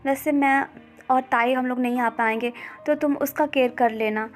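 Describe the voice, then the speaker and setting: A woman's voice: sits high, steady tone, moderate pace, soft background music, lightly acted. A woman voicing a blunt, tough young woman hiding a criminal past. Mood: guarded.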